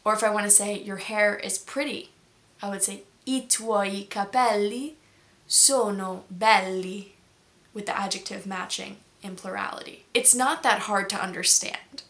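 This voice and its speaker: A woman's voice: medium pitch, steady tone, moderate pace, vocal fry, sharp tone. A woman who hosts a language-learning video channel, chatting casually and explaining patiently with many examples. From United States. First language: English.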